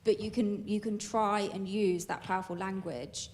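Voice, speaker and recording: A woman's voice: medium pitch, fairly even intonation, normal speed, a little hiss or hum. A woman speaking on a panel at a public Q&A, thoughtful and hesitant, with many fillers.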